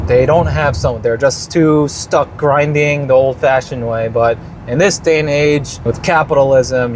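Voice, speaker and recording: A man's voice: on the high side, a little hiss or hum. A man in his thirties talking casually about money and luck, blunt and rambling, swearing freely. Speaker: investing vlogger. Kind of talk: casual monologue.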